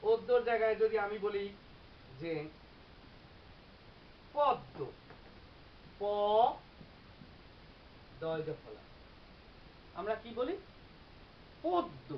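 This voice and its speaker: Teacher, lecture style, swooping up and down in pitch, slightly dull hissy recording. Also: lively intonation. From Bangladesh. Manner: explains step by step, repeating example words slowly. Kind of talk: classroom-style grammar lecture.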